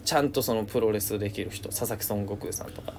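A man co-hosting a comedy podcast, chatting casually and teasing his partner with quick comebacks, recorded at a friend's apartment. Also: fairly low pitch, soft background music. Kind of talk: casual banter. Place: co-host's apartment, keeping voices down.

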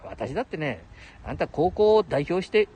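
A man's voice: a little high, big pitch swings, normal speed, mellow, slightly rough. An older man in his seventies with a Nagoya-area Japanese dialect, rambling and chuckling on a solo livestream. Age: 70s. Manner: chatty, laughs often, talks to himself. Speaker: livestream host.

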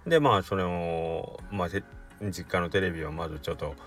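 A man's voice: low voice, fairly quick, fairly bright tone, soft background music. A middle-aged man hosting a solo podcast, rambling casually about everyday things. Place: inside a car.

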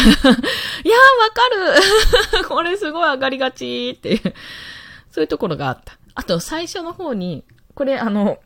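A woman's voice: mid-range voice, dry recording, clean studio sound. A young woman hosting a casual live stream, chatty and laughing often, talking into a handheld mic. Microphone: handheld mic, moved around.

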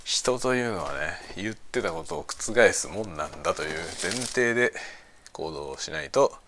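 A man's voice: low-pitched, animated, normal speed, fairly bright tone, a little hiss or hum. A man chatting casually and venting in a blunt, grumbling way, often breaking into chuckles. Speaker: streamer chatting on a lunch break. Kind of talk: casual chat, venting about work.

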